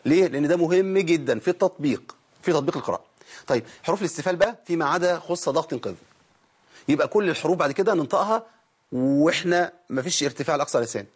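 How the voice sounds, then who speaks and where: A man's voice: fairly high pitch, animated, racing, slightly rough. A tired man with an Egyptian Arabic accent, teaching Quran recitation on a broadcast lesson, explaining step by step, demonstrating sounds and questioning his viewers. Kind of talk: televised tajweed lesson.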